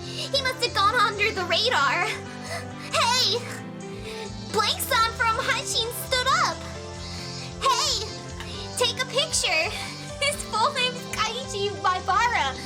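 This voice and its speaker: A woman voicing a cute, excitable young anime streamer girl with cutesy, exaggerated delivery. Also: very high voice, slow pace, full character voice. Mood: excited, awed. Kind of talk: reading visual novel dialogue aloud in a put-on streamer voice. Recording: loud music behind the voice.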